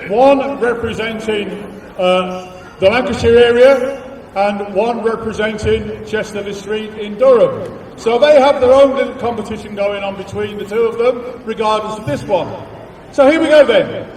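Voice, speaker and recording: A man's voice: high-pitched, moderate pace, darkish tone. A man acting as master of ceremonies, announcing contestants to an audience at a live event. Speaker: competition host, master of ceremonies. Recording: echoey, noisy hall, far from mic.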